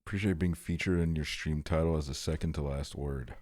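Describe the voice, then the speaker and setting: A man's voice: very deep voice, a little fast, darkish tone. A laid-back young man streaming, reacting casually with a slangy drawl.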